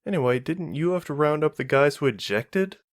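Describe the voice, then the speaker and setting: A defiant young woman pilot fires back quick retorts in a slightly lifted voice, as a man reads her in an audiobook. The sound is dry and close. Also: on the high side, animated, dry recording, voice pushed up, close to an everyday voice. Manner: sharp, quick comebacks.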